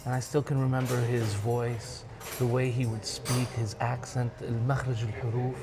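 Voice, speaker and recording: This Michigan man, a musician and music director, speaks in a mid-range, level voice at a brisk clip while music plays behind him and the ambience is clearly noisy. Casually reminiscing as an interview guest, he has an American accent and mixes Arabic phrases into his English.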